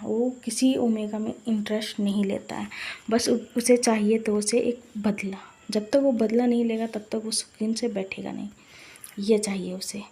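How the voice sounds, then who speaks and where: A woman's voice: on the high side, mellow. A woman narrating a fan-fiction story in a chatty, retelling way, with lots of fillers.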